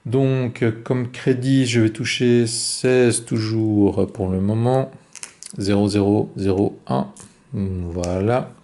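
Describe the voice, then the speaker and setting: A man calmly talking through his own board game turn, explaining each card and move step by step. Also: lowish voice, slow. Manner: calm, methodical, explains each move aloud. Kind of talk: solo board game playthrough commentary.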